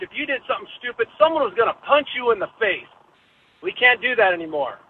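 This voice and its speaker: Guy on speakerphone from his car, high voice, tinny phone line, road hum behind. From Oregon. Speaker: caller. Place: in a moving car.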